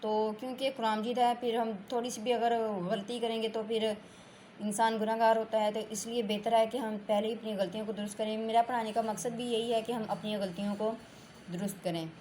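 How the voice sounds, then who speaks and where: A woman teaching Quran reading in a slow, patient lesson. She draws out her words and repeats syllables so learners can follow. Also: fairly high pitch, level tone, a little mellow, a little hiss or hum.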